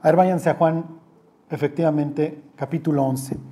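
Joking teacher, mellow tone. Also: mid-range voice, steady tone, normal speed. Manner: joking, teasing, quizzes the class; acts out quoted voices. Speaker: Bible study teacher. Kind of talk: interactive Bible class. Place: classroom with a group.

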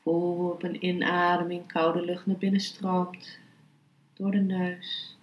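A woman speaking as a meditation and philosophy teacher, calm, unhurried and instructive. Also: lowish voice, muffled recording. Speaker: yoga philosophy and meditation teacher, podcast host. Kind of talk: spoken lesson, then slow guided meditation. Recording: roomy, echoing sound.

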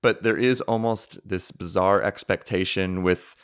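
A man's voice: deep voice, fairly even intonation, unhurried, clear, resonant tone. A man hosting a casual interview, asking long, informal questions that circle around before landing.

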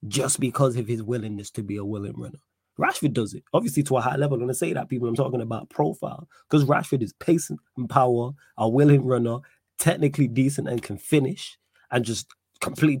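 A man with a London roadman accent hosts a casual live football chat. His voice is husky and sits at a middling pitch, recorded dry. He leans on street slang and repeats phrases to drive his points home. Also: darkish tone, no echo. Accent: London, urban slang. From United Kingdom. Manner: slangy street-style talk, repeats himself for emphasis. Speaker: host of a football fan livestream.

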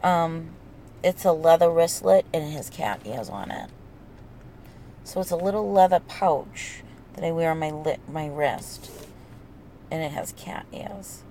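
A woman's voice: low voice, a little slow, pauses often, dark tone, a little hiss or hum. A woman with a New England accent who drops the G at word endings, rambling casually as a solo podcast host in a sweary, self-mocking way. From New England, United States.

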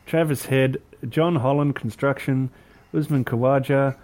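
This Australian man hosts a cricket podcast, trading casual banter with his mates and reeling off joke introductions and lists, captured on online call audio. He speaks in a mid-range, steady voice that's unhurried and slightly mellow.

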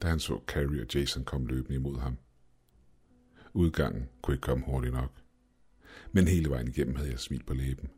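A man narrating a scripted first-person horror story in a steady, measured way. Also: a bass voice, breathy edge.

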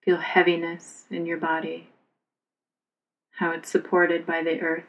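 Calm and unhurried, a female yoga instructor walks listeners through a relaxation with soothing, uncomplicated cues. Her voice sits low, full of vocal fry, and barely varies in pitch. The audio is muffled.

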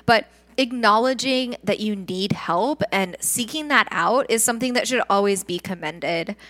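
A woman's voice: mid-range voice, normal speed, a bit bright. A woman hosting a true crime podcast, reading scripted narration about criminal cases.

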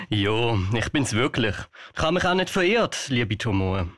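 A man's voice: mid-range voice, big pitch swings, fairly bright tone, no echo, studio quality. A man playing a jolly, kindly old Santa Claus in a radio play, telling stories heartily with a Swiss German accent. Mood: jovial. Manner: hearty, unhurried, chuckling storyteller.

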